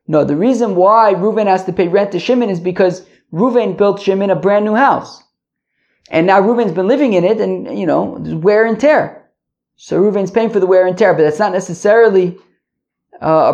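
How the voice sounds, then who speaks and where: A creaky-voiced man gives an informal religious lesson. He reads aloud and then explains, often halting to think and repeat himself. The recording is dull and lo-fi. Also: high-pitched, a little mellow. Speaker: Talmud teacher.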